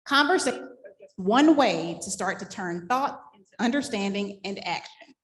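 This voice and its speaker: A woman hosts and moderates a live panel discussion, reading a scripted introduction punctuated by upbeat, laughing asides. Her mid-range voice is expressive and slightly rough, and she speaks at normal speed.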